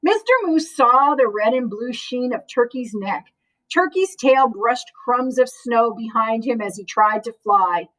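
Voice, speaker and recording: A woman's voice: fairly high pitch, expressive, unhurried, a bit bright, far from the mic, poor audio. A woman reading a storybook aloud to children, with casual asides to her listeners.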